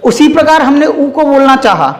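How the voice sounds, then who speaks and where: A man's voice: extremely high pitch, sing-song, moderate pace, big-room sound. A man teaching a Hindi grammar lesson to exam students, explaining step by step, stretching out vowel sounds and putting questions to the class.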